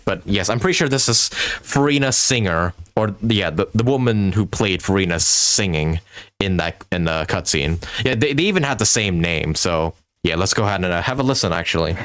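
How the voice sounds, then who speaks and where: Game music runs underneath as a man streams, offering casual, rambling commentary full of enthusiasm and the odd swear word. His voice is low-pitched with a slight brightness.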